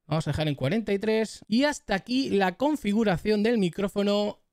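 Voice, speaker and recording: A man's voice: high-pitched, fairly quick, a little mellow, no echo, studio quality. Chatty Spanish-speaking male tech streamer. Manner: chatty, addresses viewers as "chavales" and "familia"; repeats test phrases into the mic. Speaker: tech YouTuber giving mic setup tips. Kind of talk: casual tutorial. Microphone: close studio dynamic microphone.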